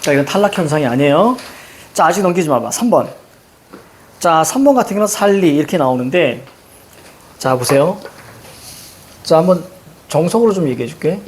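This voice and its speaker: Animated Korean male grammar teacher. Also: a little high, fairly quick, pauses often, a little hiss or hum. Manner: lively, rhetorical questions to students, frequent "자". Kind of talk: classroom grammar lecture.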